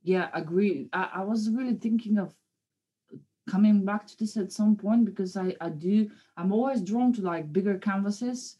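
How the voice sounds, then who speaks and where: A woman's voice: mid-range voice, normal speed, warm tone, breathy edge. A woman in her thirties from Bulgaria, talking casually about her art in an interview, hesitant, with many fillers and restarts. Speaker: guest artist.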